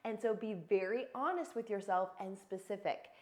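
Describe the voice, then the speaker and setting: A woman's voice: mid-range voice, moderate pace, a little mellow. A middle-aged woman coaching in a casual, earnest teaching voice, acting out examples of self-talk. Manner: earnest, conversational, acts out sample self-talk. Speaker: fitness and emotional health coach.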